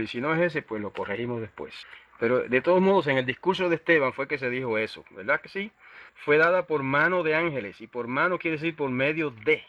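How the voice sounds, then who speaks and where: A man's voice: medium pitch, a bit bright, no room sound. A man preaching a Bible lesson, explaining Hebrew words and checking in with his listeners, with many restarts. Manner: hesitant, many restarts and fillers. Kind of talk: Bible teaching sermon.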